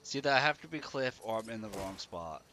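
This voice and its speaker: A man's voice: fairly low pitch, lively intonation, a little fast, pushed and bright. A man streaming a game, giving casual live commentary as he thinks aloud and grumbles. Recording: clear background noise.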